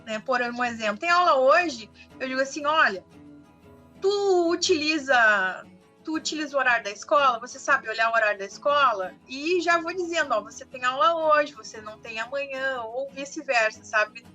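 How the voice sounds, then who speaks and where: A woman from southern Brazil, a school monitor explaining her work in a casual online live interview, lively, with frequent tag questions. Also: high-pitched, normal speed, soft background music. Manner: animated, explanatory, speaks in short bursts with frequent tag questions.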